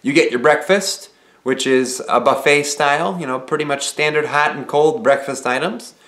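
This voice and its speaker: A young man talking relaxed and conversational to the camera in a small living room, explaining things with casual filler phrases. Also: a little high, moderate pace. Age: young adult. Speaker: vlogger. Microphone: camera mic, head-and-shoulders framing.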